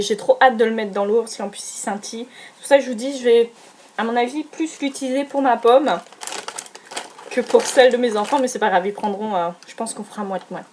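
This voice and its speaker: A woman's voice: on the high side, a little mellow, a little hiss or hum. Chatty woman with a raised voice. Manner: chatty, hesitant with many fillers and restarts; enthusiastic, gushing. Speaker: beauty vlogger. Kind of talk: casual product haul review.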